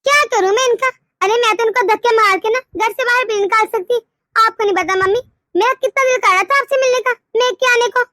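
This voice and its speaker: A woman's voice: extremely high pitch, quick pace, bright, forceful tone, no room sound, clean studio sound. Woman voicing a whiny young cartoon wife. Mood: complaining. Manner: whiny, indignant. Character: young wife, complaining and sharp-tongued. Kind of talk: cartoon story voice acting.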